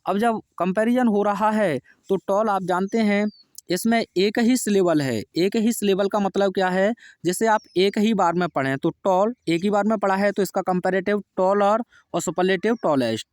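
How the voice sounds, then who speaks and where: A man's voice: high voice, moderate pace, no room sound, clean studio sound. A man teaching an English grammar lesson for exam prep, explaining step by step and asking and answering his own questions.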